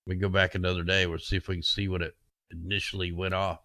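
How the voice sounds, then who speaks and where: Low bright-voiced man narrating maps. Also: flat delivery, fast, a little hiss or hum. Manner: rambling, conspiratorial, talks while clicking through maps. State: losing his voice. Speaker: weather video host. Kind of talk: casual screen-share commentary.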